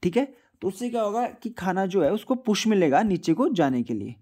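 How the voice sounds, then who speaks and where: A man's voice: high-pitched, animated, a little fast, mellow, husky. A man teaching a school science lesson to children, repeatedly asking questions and answering them himself, mixing in English terms. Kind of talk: classroom-style video lesson.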